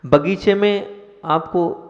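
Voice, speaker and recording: Male monk preacher, slow and gravelly, questions the congregation, dull reverberant hall recording. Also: high voice. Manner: slow, measured, asks the listeners questions. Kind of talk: sermon with chanted invocation.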